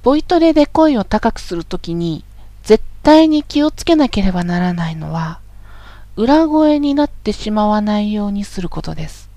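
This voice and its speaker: A woman giving a calm, polite, instructive voice training lesson as scripted narration. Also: mid-range voice, moderate pace, no room sound.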